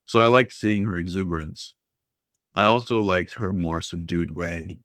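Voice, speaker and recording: A man reading a first-person story aloud in a steady, even manner. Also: low-pitched, moderate pace, dry recording, clean studio sound. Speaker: audiobook reader. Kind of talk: scripted first-person narration.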